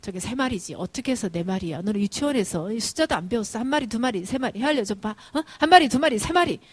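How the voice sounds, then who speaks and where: Brief: exasperated older boy, insistent and loud, husky, as a woman acts him out. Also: mid-range voice, animated, fast talker, no room sound. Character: exasperated realistic older boy scolding brother.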